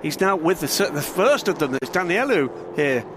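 Man, motorsport commentator, slightly high voice, live race analysis, distinct vehicle noise behind. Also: very animated, normal speed. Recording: clear trackside engine and vehicle noise. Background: car engines and outdoor track ambience.

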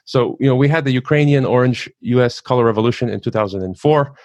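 A man hosts an interview, his voice mid-pitched and recorded dry with no room sound. He winds through a long setup, with fillers along the way, before he finally asks his question. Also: quick pace, a little mellow, no room sound, lo-fi sound. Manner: long wind-up before asking.

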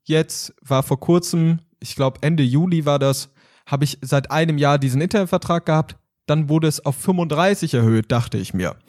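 Guy on a podcast, higher voice, rambling story, acts out the phone calls. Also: moderate pace, darkish tone. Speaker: podcast host. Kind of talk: casual chat.

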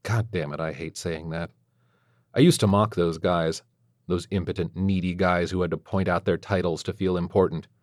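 A deep-voiced man narrates a first-person story, measured and wry with a quiet tension underneath. The sound is close and dry, with no room around it. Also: fairly even intonation, no room sound. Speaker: audiobook narrator.

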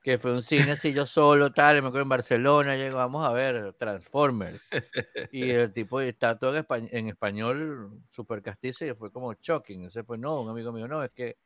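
A man's voice: medium pitch, steady tone, fairly quick, hardly any pauses, a bit bright, no room sound. A Latin American man chatting casually on a podcast, rambling with many restarts. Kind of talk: casual chat.

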